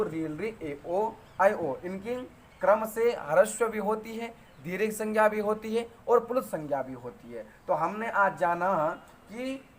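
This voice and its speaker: Patient Hindi-speaking man teaching grammar. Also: high-pitched. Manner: patient, repeats terms and counts out vowels slowly. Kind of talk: spoken lesson, explaining sutras.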